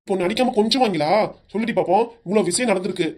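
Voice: mid-range voice, very fast, lightly acted. A performer voicing a strict, hot-tempered middle-aged father with a southern Tamil accent, who scolds his wife and weeps. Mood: scolding. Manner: scolding, shouting, then weeping.

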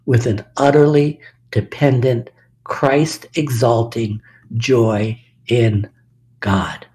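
Slow, mellow-voiced older man preaching. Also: mid-range voice. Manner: emphatic, lingers on key words, sometimes drops to a whisper. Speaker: Bible study teacher. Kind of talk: slow, deliberate sermon.

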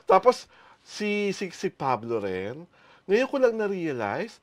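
A man's voice: high-pitched, sing-song, takes it slowly. A man hosting a showbiz talk show, chatting casually in a gushing, playful way as he heaps praise. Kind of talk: casual showbiz chat in Taglish.

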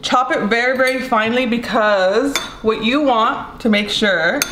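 A young woman with a Mexican accent and a slightly high, fairly bright voice chats unhurriedly while demonstrating a recipe in her bright home kitchen, now and then searching for English words. She's a cooking vlogger recorded on a camera mic a few feet away, so the kitchen sounds roomy, with clear noise.

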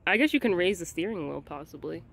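This twenty-something woman speaks quickly and expressively in a lowish, gravelly, slightly bright voice. Touring a historic house museum and garden, both inside and out, she keeps up an eager, casual vlog chat packed with "like."

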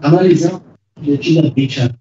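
A man presides over a formal council session over a remote video call, his glitchy audio breaking up into fragments. His mellow voice sounds distant and roomy. The line is muffled and lo-fi. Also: fairly high pitch, slight background noise. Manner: halting, fragmented speech with hesitations. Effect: glitchy audio that keeps cutting out.

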